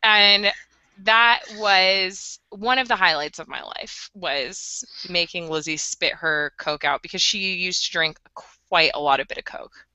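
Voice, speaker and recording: A young woman chatting on a podcast, giggly and a little tipsy as she rambles through a story. Her voice is bright and forward, and the recording sounds dry and somewhat dull. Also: fairly low pitch, measured pace, clean tone, no echo. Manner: tipsy, giggly, chatty while drinking beer. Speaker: podcast co-host. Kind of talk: casual chat.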